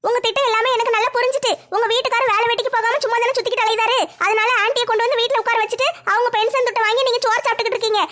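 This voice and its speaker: A woman playing a shrill scheming daughter-in-law. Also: fairly even intonation, rapid-fire, few pauses, a bit bright. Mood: taunting. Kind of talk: family comedy skit.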